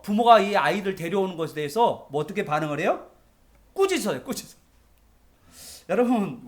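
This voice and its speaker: Lively high-voiced pastor preaching. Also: male voice. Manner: animated storytelling, asks the listeners questions. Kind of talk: sermon. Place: church.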